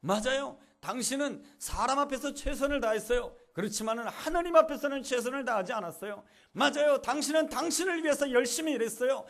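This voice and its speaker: A man's voice: sits high, sing-song, fairly quick. A man playing a tearful wife who firmly scolds her husband. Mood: scolding. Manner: firm, rebuking, repetitive.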